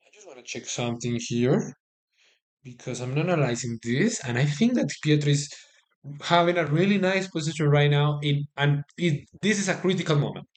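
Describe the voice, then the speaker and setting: Excitable man commentating chess, higher-pitched voice. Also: moderate pace. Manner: excitable, repeats phrases for emphasis. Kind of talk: live informal chess stream commentary.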